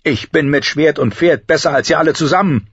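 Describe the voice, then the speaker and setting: A man's voice: fairly high pitch, fairly quick, fairly bright tone, husky, no room sound, pitched above the performer's own voice. A man voicing a proud, bitter young male recruit who talks curtly and angrily in an audiobook. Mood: angry. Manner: curt, angry. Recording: slightly dull recording.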